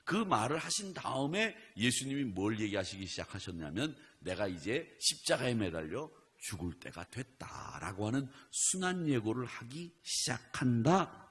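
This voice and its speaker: Husky-voiced man preaching a lively sermon. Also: medium pitch, big-room sound. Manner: animated preaching with acted Bible quotes. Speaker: pastor. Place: church.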